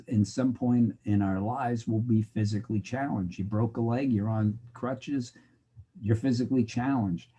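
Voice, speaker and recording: Speaking in a warm, lowish voice with a breathy quality, an older American sociology instructor lectures on a recording. His manner is informal and digressive, and he acts out any exchange he quotes.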